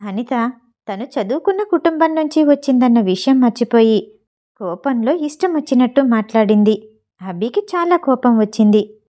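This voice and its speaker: A woman narrates a family drama in a steady, scripted way. Her voice sits slightly high and sounds mellow and soft rather than bright. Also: moderate pace.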